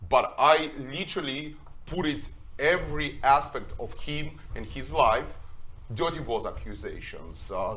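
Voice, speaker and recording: A man's voice: mid-range voice, sharp tone. Man, earnest panelist. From Russia. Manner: earnest, broken grammar, emphatic. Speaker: documentary filmmaker, panelist. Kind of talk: panel discussion.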